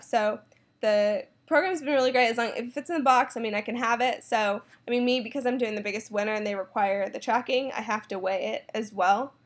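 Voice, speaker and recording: Young woman vlogging, chatty and bubbly, kinda high voice, lots of likes and ums. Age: young adult. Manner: bubbly, rambling, heavy on "like" and "um". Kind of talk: casual vlog chat. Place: Florida.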